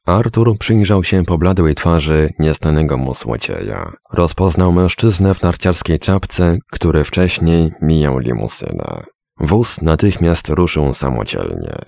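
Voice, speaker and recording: Man narrating a story, measured and dramatic, deep and gravelly, lively pitch, dry studio sound. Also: no echo. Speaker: audiobook narrator. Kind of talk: scripted narration.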